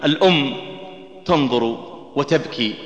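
A man's voice: measured pace, fairly bright tone, muffled recording. A man preaching an emotional sermon, telling stories with rising passion and chanting scripture in a melodic recitation. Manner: impassioned, voice climbing high and tense at dramatic peaks. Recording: echoey hall with long reverb.

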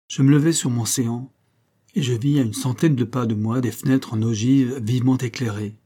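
A man reading a classic story aloud in a measured, even narrating manner. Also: mid-range voice, husky. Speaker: audiobook reader. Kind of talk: scripted literary narration.

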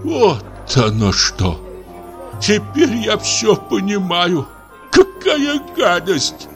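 A man's voice: high-pitched, expressive, slow, a bit bright, faint music behind, voice pushed up, heavily acted. A man voicing an old, hard-of-hearing retired naval captain who mishears and blusters. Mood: indignant. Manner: mishears, then blusters indignantly.

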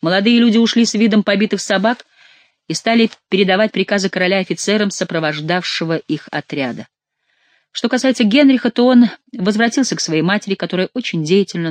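Brief: steady expressive storyteller, middle pitch, very dry close mic. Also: quick pace, no room sound. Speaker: narrator. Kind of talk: audiobook reading of a historical novel.

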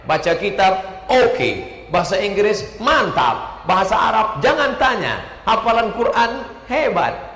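A man from Indonesia preaching a lively, humorous sermon, joking with the crowd and shouting out lists for emphasis. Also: high voice, unhurried. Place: large hall with a stage. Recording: echoey hall with long reverb.

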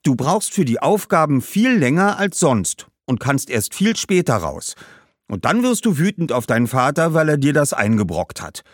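An earnest young boy in a read-aloud storybook, as a man puts him on, asking questions with a thoughtful, serious air. His raised voice moves in lively swings and sounds close and dry. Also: fairly high pitch, moderate pace, no echo, pitched above the performer's own voice.

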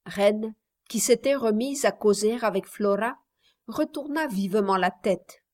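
A woman reading a novel aloud in a calm, deliberate manner. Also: mid-range voice. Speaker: audiobook reader. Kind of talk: scripted narration.

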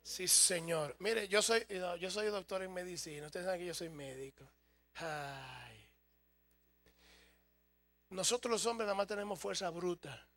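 High-voiced gravelly male preacher. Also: bright, forceful tone. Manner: humorous, speaks directly to the congregation. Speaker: pastor. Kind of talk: sermon.

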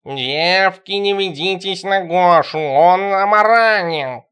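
A man's voice: sits high, slow, a bit bright, smooth. A man reading a storybook voicing a sardonic male house cat that mutters sourly. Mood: grumbling.

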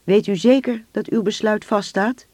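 A man voicing a calm, menacing middle-aged father who speaks politely and then in quiet threats. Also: high-pitched, normal speed, no echo, voice pushed up. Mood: pleading.

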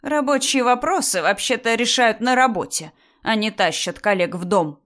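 Woman voicing shrill, spiteful old mother-in-law. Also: normal speed, a bit bright, lightly acted. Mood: accusing. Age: older. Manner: shrill, accusing, hissing.

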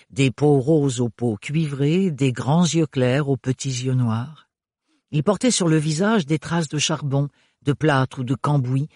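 Dry, steady male audiobook narrator. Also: a little high, no room sound. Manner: steady, measured reading. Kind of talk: scripted narration.

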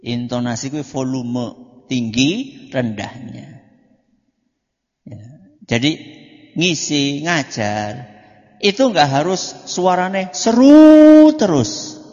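Slow-talking preacher guy, quizzes the crowd then answers himself, muffled recording in a big echoey hall. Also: mid-range voice, expressive. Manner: asks the audience questions and answers them himself, joking; swings between loud and soft delivery. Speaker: Islamic preacher. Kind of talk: religious study lecture. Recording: dull lo-fi recording in a reverberant hall.

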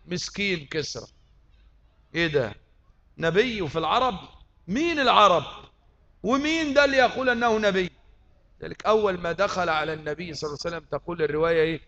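A man's voice: high-pitched, expressive, fast talker, long pauses, sharp tone, dull audio. A man with an Egyptian accent preaching a sermon, firing rhetorical questions at his listeners and mixing colloquial and classical speech. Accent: Egyptian Arabic.

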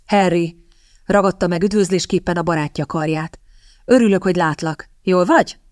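A wry young gentleman, read by a woman. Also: fairly low pitch, dry recording, studio quality, natural voice. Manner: wry, measured.

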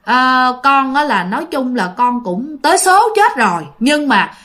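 A woman's voice: high-pitched, sing-song, unhurried, a bit bright, heavily acted. A woman with a Southern Vietnamese accent voicing the ghost of a young man, speaking emphatically and repeating herself. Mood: consoling. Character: dead young man's ghost, bitter and resentful.

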